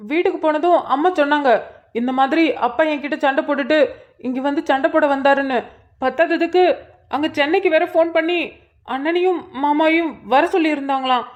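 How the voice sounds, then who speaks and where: A woman voicing an anxious young man in a cartoon, asking hurried, worried questions. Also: high-pitched, lightly acted. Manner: rushed, fretful questions. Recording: dull lo-fi recording.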